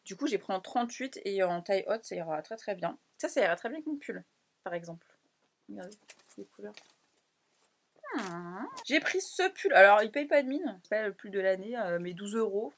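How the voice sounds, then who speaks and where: A young woman talks through her clothing haul in a loose, chatty vlog voice. She jumps between excited exclamations and quieter asides, laughing often. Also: medium pitch, moderate pace. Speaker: fashion vlogger. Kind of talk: casual haul vlog chat.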